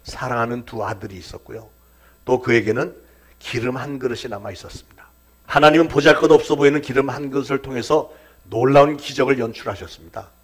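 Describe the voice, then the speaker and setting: A man preaching a sermon as pastor, building to emphatic peaks and dropping to quiet, near-whispered endings. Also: medium pitch, quick pace.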